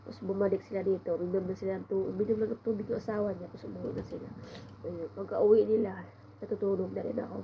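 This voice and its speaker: A woman's voice: mid-range voice, fairly even intonation, quick pace, highs cut off, a little hiss or hum. A woman with a cold-congested voice tells a rambling, casual story at home, sighing often as she complains. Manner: meandering, with frequent sighs of complaint. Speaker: vlogger.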